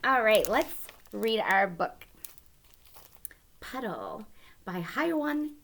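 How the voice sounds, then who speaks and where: A woman hosting a children's storytime, reading a picture book aloud in a gentle, animated way with soft whispered asides. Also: a little high, drawn-out words. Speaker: children's librarian storytime host.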